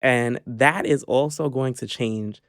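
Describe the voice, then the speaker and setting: Gravelly New man talking gossip. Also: mid-range voice, slow, a bit bright, no echo, studio quality. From New York. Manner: earnest, emphatic opinions. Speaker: podcast co-host. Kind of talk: casual gossip chat.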